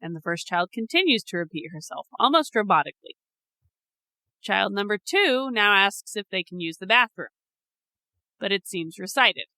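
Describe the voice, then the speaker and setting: A woman's voice: medium pitch, lively intonation, moderate pace, sharp tone, no echo. A woman co-hosting a podcast, narrating a creepy scenario to her friend with teasing laughs. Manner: laughs often, teasing, storyteller. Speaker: podcast co-host. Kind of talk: casual chat, narrating a spooky scenario.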